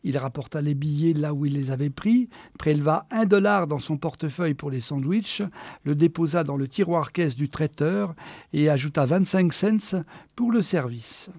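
Fairly high-voiced man narrating a story. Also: no room sound. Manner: expressive, slowing for quiet moments. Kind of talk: audiobook narration of a short story.

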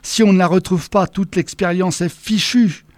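A man's voice: sits high, normal speed, no echo, clean studio sound, close to an everyday voice. Man reading as a pompous male scientist. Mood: frantic. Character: pompous middle-aged male scientist, self-satisfied.

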